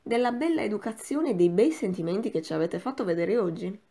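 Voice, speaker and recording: A woman's voice: mid-range voice, expressive, brisk, mellow. A woman doing a cold, imperious old marchioness. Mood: cold, placid. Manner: sleepy, placid, commanding.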